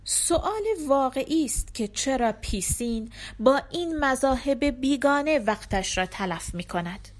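Indignant pandit, man, storybook, bright animated voice, as a woman puts him on. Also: high-pitched, few pauses. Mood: scornful. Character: indignant male pandit, scornful elder.

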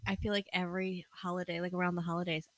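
A young woman co-hosting a podcast, blunt and deadpan, swearing in casual chat. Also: on the low side, fast, no echo. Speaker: podcast co-host.

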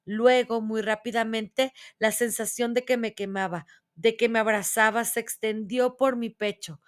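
A woman storyteller giving a dramatic, expressive first-person reading of a book chapter. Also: on the high side, a little slow.

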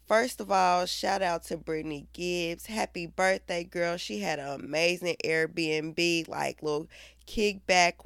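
A young woman hosts her own podcast the morning after drinking, still drowsy and hung over. She speaks slowly with a gravelly edge, swearing and addressing her listeners directly. The recording is close and dry. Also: on the low side, no echo. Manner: profane, laughing, talks straight to listeners. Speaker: podcast host. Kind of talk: casual podcast monologue.

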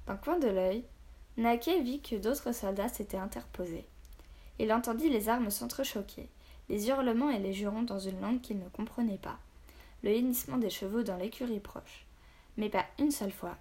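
A woman's voice: medium pitch, warm tone. Woman narrating an audiobook.

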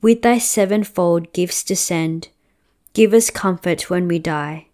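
A woman reading a liturgical hymn aloud as a church reader, solemnly and deliberately, line by line. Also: fairly low pitch, a little mellow. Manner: slow, deliberate, line-by-line phrasing.

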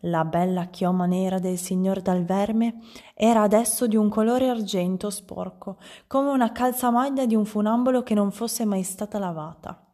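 Una donna che legge ad alta voce un libro per ragazzi, in modo espressivo. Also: female voice, medium pitch, moderate pace, mellow. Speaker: reader. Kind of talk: storybook read-aloud.

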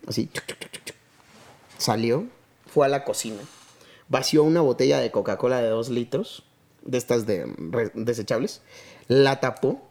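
A man with a Mexican accent co-hosting a podcast, telling a story in casual, slangy chat. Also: medium pitch. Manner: animated storyteller, slangy, acts out quotes. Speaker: podcast co-host.

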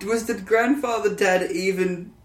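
A man's voice: sits high, fairly even intonation, measured pace. A man co-hosting a casual movie review chat, playful and swearing casually. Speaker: podcast co-host. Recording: roomy echo.

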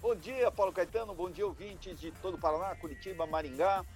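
A man reports weather and football on a morning radio show, upbeat and talkative. His voice sits fairly high, with faint music behind. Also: brisk. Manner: lively, repeatedly addressing the host. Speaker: weather and sports correspondent.

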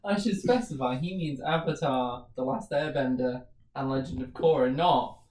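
A man's voice: medium pitch, normal speed, a little mellow. A man co-hosting a casual podcast, joking, laughing often and swearing now and then. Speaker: podcast co-host. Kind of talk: casual chat. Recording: roomy, distant mic with faint noise.

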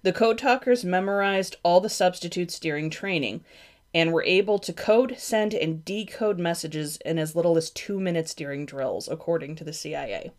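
Low-voiced young woman podcast host. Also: normal speed. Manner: reads from a script, stumbles on names and apologizes. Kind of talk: scripted history podcast chat.

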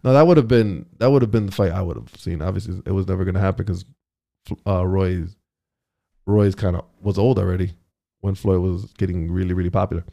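A man's voice: sits low, fairly even intonation, vocal fry, warm tone. A man chatting casually, swearing often and calling his friend "bro", with frequent restarts. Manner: profane, slangy, says "bro" a lot; halting, restarts phrases. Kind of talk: casual chat.

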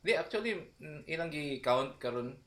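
A woman with a Filipino accent chats casually with a group, mixing languages. Her voice is very deep for a woman, bright in tone and animated in its melody. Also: moderate pace. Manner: mixes English with Filipino languages.

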